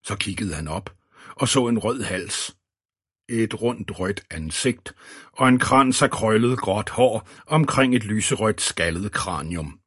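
A man reading an audiobook in a steady, even scripted narration. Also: on the low side, husky, no echo, studio quality.

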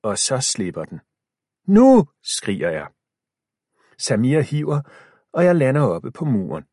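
A man narrating a children's story in the first person, expressive and shifting pace with the tension. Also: mid-range voice, slightly rough, no echo, clean studio sound. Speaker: audiobook narrator.

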